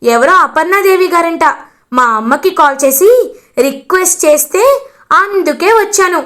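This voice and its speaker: Woman doing a cheeky little boy in a story, blunt answers, high voice. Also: moderate pace, a bit bright. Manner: blunt, matter-of-fact replies. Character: young boy, plain-spoken and cheeky.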